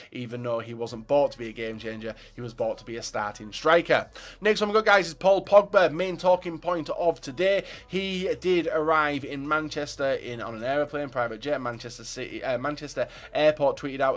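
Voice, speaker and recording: Young man, casual football vlog host, opinionated, filler-heavy delivery, mid-pitched voice. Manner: chatty, opinionated, frequent fillers. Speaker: football transfer news vlogger. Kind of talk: casual commentary to viewers.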